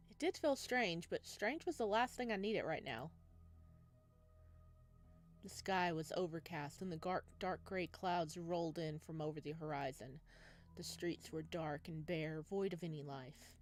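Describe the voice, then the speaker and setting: Low-pitched woman streaming a visual novel. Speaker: let's play streamer. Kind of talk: reading visual novel narration aloud with casual commentary. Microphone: wearing headphones.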